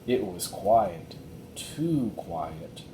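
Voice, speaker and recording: With deliberate pacing and an expressive delivery, a man reads from a children's chapter book. Faint rumble and noise are present, and the space sounds roomy and echoey.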